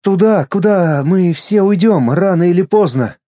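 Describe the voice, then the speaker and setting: A man voicing a boy, the fading inner voice of the hero's body, speaking gently and with resignation. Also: high voice, animated, measured pace, voice pushed up. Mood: resigned.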